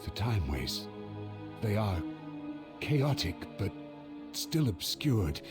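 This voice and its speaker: A deep dragon voice for a fantasy game, belonging to an ancient being in human form. The delivery is slow, solemn and portentous, with loud music behind it. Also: male voice, very animated. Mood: solemn, foreboding. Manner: grave, measured dragon voice, formal and portentous.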